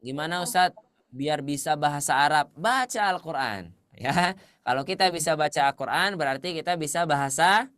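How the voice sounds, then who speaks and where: A man teaching a tajwid class, quizzing his students and confirming their answers, at times chanting Arabic verses slowly. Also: fairly high pitch, fairly bright tone, clean tone, no echo, studio quality. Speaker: Quran recitation teacher.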